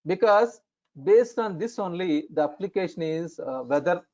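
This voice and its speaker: Give me an Indian-accented male instructor with a fairly high voice, explaining haltingly over a lo-fi online call. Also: lively intonation, a little mellow. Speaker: instructor in functional finance consulting. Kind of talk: explanatory online lesson, checking in with learners. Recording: dull, lo-fi online call audio.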